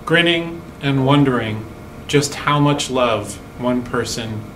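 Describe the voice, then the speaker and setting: A middle-aged man performing a dramatic elegy in a measured, poetic, sorrowful and wistful way, with deliberate pauses. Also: mid-range voice, a bit bright. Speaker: monologue performer. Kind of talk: dramatic spoken elegy monologue. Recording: distant mic, faint room hum.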